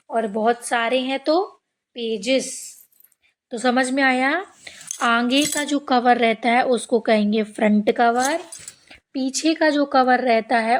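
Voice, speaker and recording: A woman teaching young children, asking questions and answering them herself in a slow call-and-response style. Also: sits high. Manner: asks a question and answers it herself, repeating words slowly. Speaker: primary school teacher.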